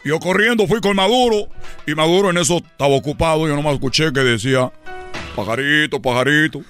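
A man's voice: fairly high pitch, quick pace, a bit bright, soft background music. A man hosting a comedy radio sketch, telling a rambling story and laughing at his own jokes. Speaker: comedy host.

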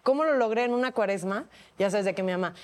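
A Mexican woman in her thirties on a talk show panel, telling personal stories in an animated way and acting out the voices she quotes. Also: mid-range voice, fast. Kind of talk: casual chat.

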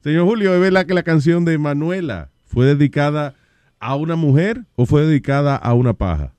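A man's voice: a little high, lively intonation, brisk, darkish tone, no room sound. A man hosting a radio show, teasing and joking with guests and callers. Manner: teasing, playful.

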